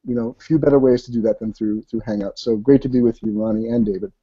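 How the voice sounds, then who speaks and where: A man with a very dark, mellow tone opens a discussion over a video call. He sounds brisk and upbeat. The audio is dry and dull. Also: medium pitch, fairly even intonation, no room sound. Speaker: panel guest.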